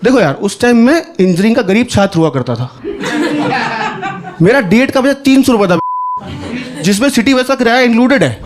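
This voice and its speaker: A young man doing stand-up comedy, telling an animated, conversational story with asides to the audience on a stage. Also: very high-pitched, brisk, long pauses. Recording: live show with crowd laughing. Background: audience laughter.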